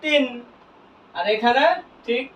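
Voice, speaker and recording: A man teaching Quran reading, who asks each point as a question, answers it himself, and spells out letters slowly. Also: very high voice, lively intonation, fairly bright tone. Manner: slow, drawn-out spelling of letters. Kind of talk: classroom lesson with call-and-response questions. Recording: echoey, distant, dull lo-fi room sound.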